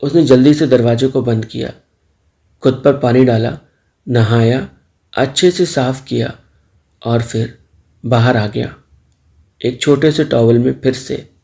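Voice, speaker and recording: A man narrating a story in a steady, measured reading. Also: medium pitch, gravelly.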